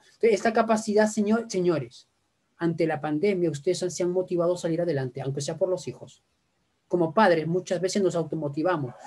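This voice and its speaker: A woman's voice: lowish voice, slightly rough. A woman giving an informal lecture to parents at a school workshop, talking conversationally, often checking in with tag questions and acting out little dialogues. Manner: animated, acts out quick back-and-forth dialogues.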